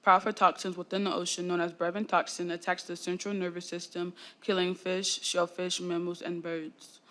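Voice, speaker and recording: A young woman student from Florida, reading a prepared class presentation in a steady read-aloud delivery. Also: on the low side, normal speed. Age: young adult.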